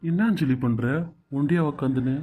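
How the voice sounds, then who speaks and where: Man as a tender husband in a Bangalore Tamil cartoon serial, warm dark voice, coaxing and reassuring. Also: mid-range voice, fairly quick, slightly rough, lightly acted. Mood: concerned. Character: caring young husband, gentle and protective.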